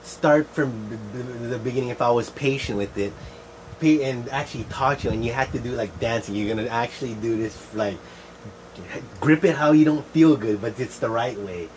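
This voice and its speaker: A man's voice: medium pitch, moderate pace, darkish tone, low-quality recording. A middle-aged man chatting in a casual, rambling way as the host of a show. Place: shed. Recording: faint air-conditioner noise.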